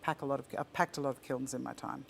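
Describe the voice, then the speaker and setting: A woman's voice: rumbling low, steady tone, fast, vocal fry, slight background noise. An Australian woman who founded a ceramics company, chatting enthusiastically in an interview with frequent restarts. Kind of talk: casual interview chat. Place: virtual talk, faint room ambience.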